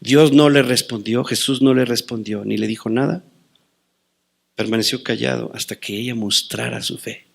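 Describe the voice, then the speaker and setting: Gravelly-voiced man preaching a dramatic sermon. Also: mid-range voice, fairly even intonation, normal speed. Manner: dramatic preaching, swinging between loud declarations and hushed asides; quotes scripture and tells personal stories. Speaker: pastor.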